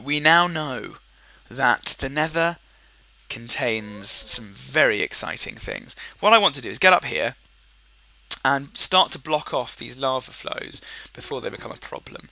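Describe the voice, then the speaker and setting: A man's voice: mid-range voice, gravelly, bright, forceful tone. A man giving rambling, jokey game commentary with silly asides, his voice sore and strained. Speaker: gaming commentator.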